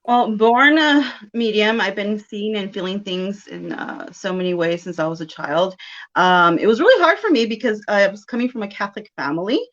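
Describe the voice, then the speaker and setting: A woman's voice: medium pitch, animated, moderate pace, fairly bright tone, dull audio. A woman in her thirties from South Texas, a psychic medium chatting as a guest in an interview, laughing often. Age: 30s. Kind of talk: casual interview chat.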